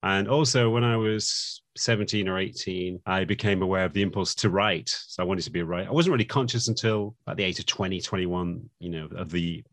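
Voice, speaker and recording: A man's voice: deep voice, fairly quick, hardly any pauses, no echo. A man, a psychology lecturer answering interview questions in a reflective, rambling way with many fillers. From England. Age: 50s. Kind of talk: interview conversation.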